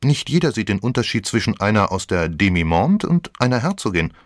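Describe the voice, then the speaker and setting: A man's voice: fairly low pitch, big pitch swings, brisk, dry recording, studio quality. A man voicing a flippant, teasing girl of about seventeen in an audiobook, with theatrical, mock-dramatic speech.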